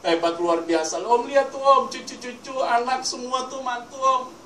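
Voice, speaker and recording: A male preacher voicing a grieving adult daughter, speaking in a high, excited, pleading way with a lilt. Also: measured pace. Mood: emotional praise. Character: grieving adult daughter, tearful yet proud. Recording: echoey hall mic from a distance with ambient noise.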